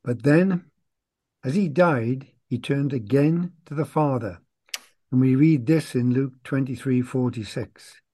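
A man's voice: mid-range voice, unhurried, mellow. A man co-hosting a conversational Bible discussion, guiding the talk and leading into the readings. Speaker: Bible study co-host.

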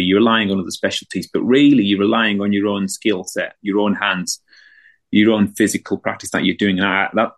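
A man speaks in a fairly low voice. He chats informally as a surgical trainee guest on a podcast, with a jokey turn to his talk. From Bradford, England. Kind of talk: casual chat.

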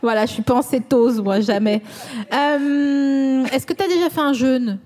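A woman's voice: high voice, unhurried, darkish tone. A woman from the Vosges with a Vosges accent, hosting a podcast in a loose, teasing and rambling way. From Vosges, France. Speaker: podcast host. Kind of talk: casual chat.

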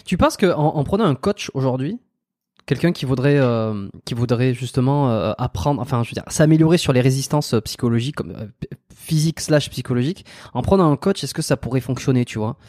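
A man's voice: medium pitch, fairly quick, mellow, no room sound, clean studio sound. A man interviewing a guest, asking long questions while hesitating and searching for words. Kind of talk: casual interview.

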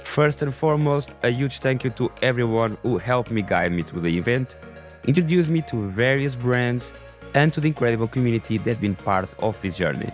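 A man with a raspy voice and non-native English, hosting a podcast in a scripted narration style. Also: mid-range voice, expressive, brisk, faint music behind. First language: not English. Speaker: podcast host.

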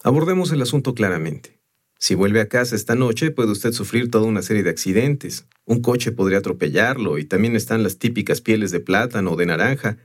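A man's voice: lowish voice, expressive, a little fast. A man voicing a proud, talkative middle-aged gravestone carver in an audiobook, earnest and matter-of-fact. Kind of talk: audiobook character voice.

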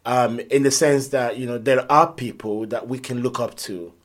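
A man's voice: medium pitch, steady tone, moderate pace. A man, talking earnestly and reflectively as an interview guest. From Nigeria. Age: 50s. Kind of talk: conversational interview.

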